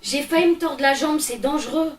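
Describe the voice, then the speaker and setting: A woman's voice: sits high, fairly quick, lightly acted. A woman reading the part of a sarcastic, impatient thirteen-year-old girl babysitting younger kids in a stage play reading. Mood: irritated. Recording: roomy, distant mic, faint noise.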